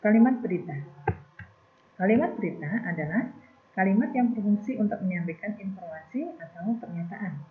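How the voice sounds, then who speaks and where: A woman teaching a grammar lesson, explaining step by step and trailing off softly at the ends of phrases. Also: medium pitch, expressive, moderate pace. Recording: tinny phone-like recording.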